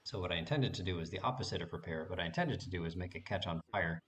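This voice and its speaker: A man hosting a gaming channel, giving relaxed, chatty gameplay commentary with plenty of filler words. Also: sits low, very fast.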